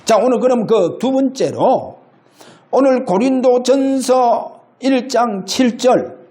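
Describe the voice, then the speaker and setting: A male pastor preaching an impassioned sermon in a church, shifting between loud and low. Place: church sanctuary.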